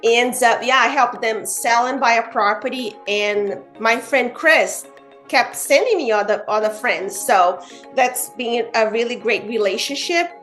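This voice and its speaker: A woman from Brazil, a guest realtor speaking in a casual interview, earnest and animated, with frequent "you know" fillers. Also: on the high side, unhurried, soft background music.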